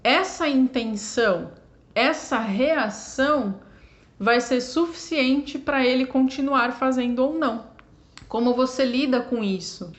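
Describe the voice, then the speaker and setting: A woman's voice: high-pitched, slow. A Brazilian woman explaining cat behavior in a chatty, informal way, often adding little tag questions and acting out what pet owners say. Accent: Brazilian Portuguese. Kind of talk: casual explanatory talk to camera.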